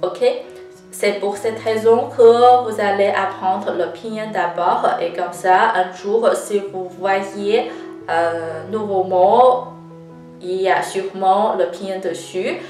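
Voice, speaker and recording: A Chinese woman with a Chinese accent giving a patient language lesson, often pausing on "euh" as she explains. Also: mid-range voice, steady tone, a little mellow. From China. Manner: frequent hesitations with "euh", deliberate and patient. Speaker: Chinese teacher. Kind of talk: slow, careful language lesson. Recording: roomy, slightly distant mic with faint guitar music.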